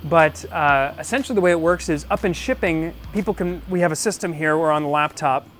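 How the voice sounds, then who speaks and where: A man's voice: a little high, fairly quick, a bit bright, a little hiss or hum. A man giving an informal walk-through tour of his business, thinking aloud in a casual, self-deprecating way. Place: indoors, small business office and print shop.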